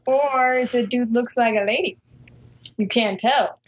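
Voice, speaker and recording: Teasing high-voiced woman. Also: unhurried, slight background noise. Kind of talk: casual chat.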